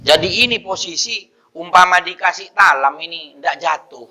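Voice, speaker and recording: A man teaching a mosque study session on prayer, slowly demonstrating recitation and then explaining in quick bursts. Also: high voice, sharp tone, low-quality recording. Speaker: religious teacher.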